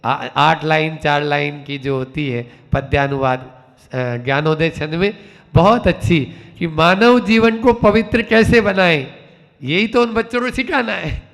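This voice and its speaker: Slow creaky-voiced monk preaching. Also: male voice, a little high, fairly bright tone, long reverb tail. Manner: slow, repetitive teaching with rising emphatic refrains. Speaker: Jain monk. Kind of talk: sermon.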